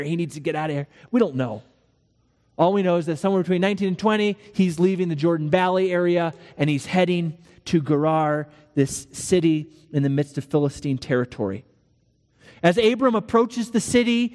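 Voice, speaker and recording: A man preaching a sermon, walking through a scripture passage and acting out the dialogue in lively storytelling. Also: on the high side, big-room sound. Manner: animated storytelling with acted dialogue. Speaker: pastor.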